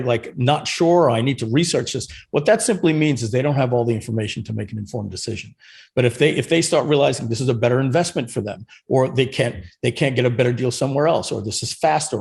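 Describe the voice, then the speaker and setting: A man's voice: medium pitch, creaky, darkish tone. A man as a podcast guest, earnestly explaining sales and marketing in casual chat. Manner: earnest explaining, many restarts and fillers.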